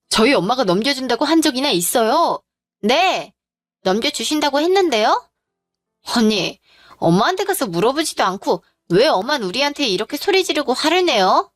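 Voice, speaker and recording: Woman voicing a bratty young sister-in-law, mocking, snippy, high voice, faint music behind. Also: no room sound, clean studio sound. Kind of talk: audio drama narration.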